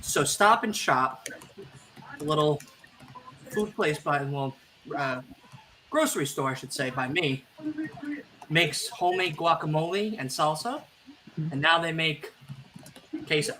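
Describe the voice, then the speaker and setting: Chatty man with a bright voice. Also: a little high, lively intonation, unhurried, long pauses. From Italian family background. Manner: rambling, self-deprecating, many fillers and restarts. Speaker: podcast co-host. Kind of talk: casual chat. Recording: streamed podcast with faint background noise.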